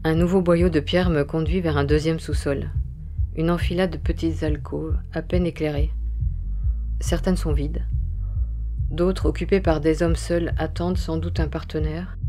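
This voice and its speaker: Measured, intimate first-person narrator; mid-pitched voice over steady music. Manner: intimate, measured, present-tense storytelling.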